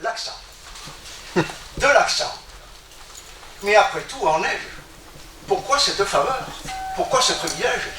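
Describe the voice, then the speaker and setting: A man reciting a poem aloud to a gathering in a declamatory, expressive way. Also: high-pitched, slow, pauses often. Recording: echoey room from a distance, background noise.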